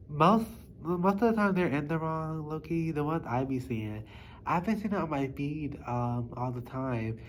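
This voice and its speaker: A woman's voice: rumbling low, a little mellow, low-quality recording. Casual young woman vlogger, faint noise. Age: young adult. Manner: loose, informal articulation. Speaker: YouTube vlogger. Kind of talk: casual chat to viewers. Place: small study room, indoors.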